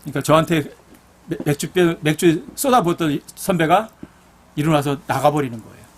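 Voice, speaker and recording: A man's voice: fairly high pitch, fairly quick. A middle-aged man, a pastor, preaching a blunt, earnest sermon full of personal stories.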